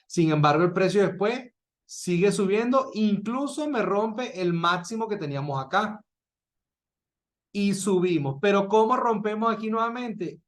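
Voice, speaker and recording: A man teaching trading while sharing his screen, explaining step by step, asking rhetorical questions and checking in with a quick "¿sí?". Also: high-pitched, animated. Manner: checks in with a recurring "¿sí?". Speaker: trading instructor. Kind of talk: screen-share trading lesson.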